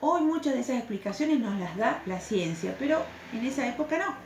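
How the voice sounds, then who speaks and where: Lively woman teacher explaining. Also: on the high side, fairly quick. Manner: patient, explanatory, checks in with rhetorical questions. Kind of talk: recorded class lesson. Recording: echoey room, faint background noise.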